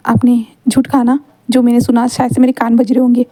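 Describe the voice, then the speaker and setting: A woman voicing a young male student in a fan story read aloud. The student pleads softly and hesitantly, often repeating words. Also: a little high, monotone, fairly quick, no echo, natural voice. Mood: disbelieving.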